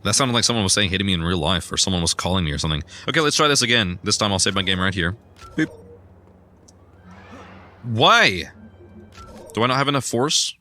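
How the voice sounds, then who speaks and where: Chatty young man with a bright voice. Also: lowish voice, a little fast, pauses often, soft background music. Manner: rambling, chatty storytelling with bursts of loud excitement. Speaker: gaming streamer. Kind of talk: casual let's play commentary.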